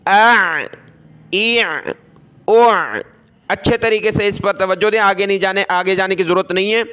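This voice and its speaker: A man teaching Quranic letter pronunciation, drilling syllables slowly and explaining quickly between them in a patient, corrective way. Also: high voice, flat delivery, fairly bright tone, clear, resonant tone. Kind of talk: recorded recitation lesson.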